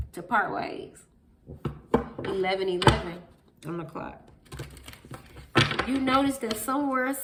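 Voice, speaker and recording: A woman's voice: medium pitch, heavy background noise. A woman with a stuffy nose from a cold, giving an emphatic, preachy tarot reading straight to her viewers. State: congested from a cold, sniffling. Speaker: tarot reader.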